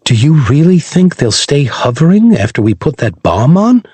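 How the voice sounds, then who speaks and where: Male narrator doing a young woman soldier, blunt, a bit higher, lively. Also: moderate pace, breathy edge, dry recording.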